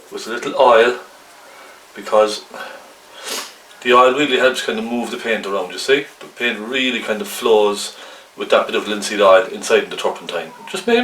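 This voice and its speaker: A man giving a casual hands-on painting tutorial in a gentle, chatty, coaxing way, often checking in with the viewer. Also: on the low side. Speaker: painting instructor. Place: indoor room, painting at a canvas. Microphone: camcorder at a distance. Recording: roomy, distant camcorder mic, faint noise.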